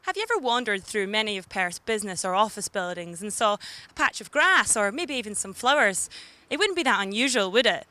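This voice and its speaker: A woman's voice: mid-range voice, expressive, fairly quick, bright, forceful tone, no room sound. A woman reporter opening a story with upbeat rhetorical questions and then interviewing.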